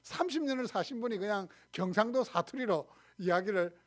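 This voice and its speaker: High-voiced Gyeongsang-accented pastor. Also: male voice, brisk. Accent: Gyeongsang Korean. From Gyeongsang region, Korea. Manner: expressive storytelling, acting out quotes. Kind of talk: sermon. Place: church sanctuary.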